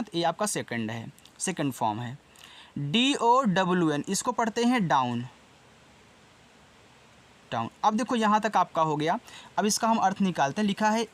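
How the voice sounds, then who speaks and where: A man with a Hindi accent teaching an English lesson in a casual way, spelling each word out letter by letter and repeating it. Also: high voice. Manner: slow, spells words letter by letter and repeats them.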